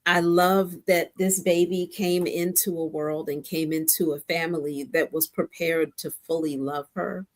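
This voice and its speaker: A woman's voice: lowish voice, steady tone, a little slow, few pauses. An older woman hosting a casual chat, effusive with praise.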